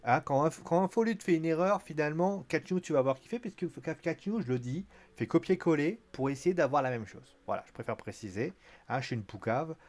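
Male reviewer, casual recap, lively swooping pitch, filler-heavy. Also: brisk. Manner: chatty, lots of fillers, acts out quotes in a raised voice. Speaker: wrestling show reviewer.

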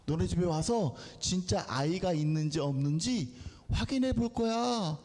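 A man's voice: high voice, measured pace, darkish tone. A man voicing a stern male angel who makes announcements, in an echoey church hall. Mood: announcing. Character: male angel messenger, firm and solemn.

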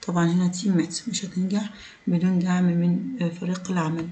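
A woman teaches English vocabulary in an Egyptian Arabic accent. Her voice sits low and mellow. She reads each English sentence slowly, then explains it in quicker Arabic. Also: steady tone, rough recording. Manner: switches between Arabic and English, slow on English sentences.

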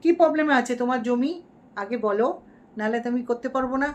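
A woman's voice: on the high side, fast, a little mellow, lo-fi sound, close to an everyday voice. A woman playing a boastful, shameless female vlogger villain who gloats in mock-defiant rants during a parody livestream. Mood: gloating.

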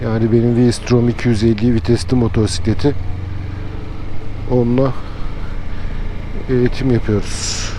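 A man's voice: medium pitch, flat delivery, moderate pace, long pauses. A middle-aged man narrating a casual motorcycle vlog as he rides, explaining and instructing over a helmet intercom. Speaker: motorcycle vlogger and riding instructor. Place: outdoors on a motorcycle on the road. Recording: muffled helmet mic with road noise.

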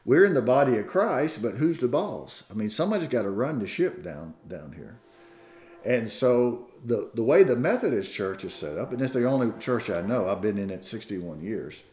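A man's voice: mid-range voice, big pitch swings, moderate pace, darkish tone. A man in his sixties with a Southern American accent, preaching a sermon as pastor with folksy storytelling and self-deprecating jokes. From Southern United States. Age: 60s. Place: church sanctuary. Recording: echoey church room.

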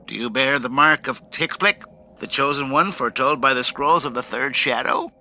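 A man's voice: medium pitch, moderate pace, sharp tone, slight background noise. A man playing a grumpy, suspicious, bookish gravedigger in a cartoon adventure game, indignant and scolding in manner. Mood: stubborn skepticism.

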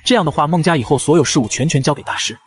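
A frail old patriarch of a martial clan, grave and courteous in every word, as a man reading a comic story puts him on. The voice sits a little high and moves at a brisk clip. Soft music runs underneath. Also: close to an everyday voice. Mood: solemn. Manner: solemn, courteous.

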